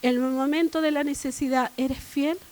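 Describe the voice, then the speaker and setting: Female preacher, very high voice, sermon delivery with emphatic repetition, church setting. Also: fairly even intonation, normal speed, low-quality recording. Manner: rising to loud emphatic repetition.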